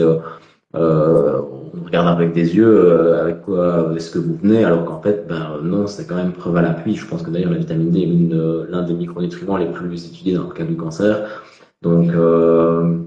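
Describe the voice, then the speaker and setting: Speaking in a warm, low register, this Belgian French-accented man appears as a guest in a relaxed live video interview. His speech is full of fillers and hesitations, captured on dull, echoey audio.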